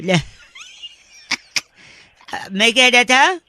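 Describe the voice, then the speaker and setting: A man doing a giggly high prankster Baua. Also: expressive, extremely slow, full character voice. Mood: teasing. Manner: teasing, giggly, repeats a pestering demand to speak louder. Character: cheeky young male prank caller Baua. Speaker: radio prank caller.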